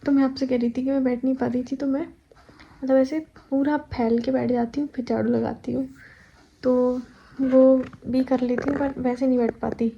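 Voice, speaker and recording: Chatty young woman with a gravelly, even voice. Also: sits high, moderate pace, muffled recording, slight background noise. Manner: chatty, rambling, self-correcting. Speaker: vlogger. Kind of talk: casual pregnancy vlog chat. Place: home.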